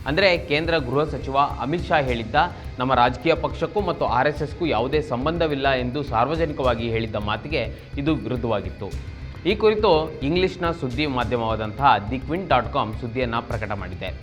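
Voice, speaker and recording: A man from Karnataka, India, presents a scripted political news explainer, formal and expository, speaking directly to viewers. His mid-range voice is expressive and fairly bright, at a moderate pace, with soft music in the background.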